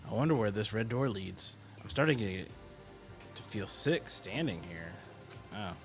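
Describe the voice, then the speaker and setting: A man's voice: fairly low pitch, expressive, moderate pace, creaky. A man giving playthrough commentary and reading a game's story aloud in a dramatic style. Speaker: gamer reading a game aloud. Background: faint game music.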